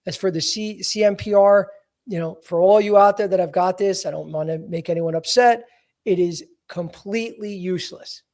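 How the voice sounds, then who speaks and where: A man in his forties with a notably high voice, hosting a casual career-advice podcast. He talks bluntly and emphatically and keeps it real, with frequent "you know" fillers. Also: moderate pace, a little mellow. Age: 40s. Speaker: podcast host, career coach.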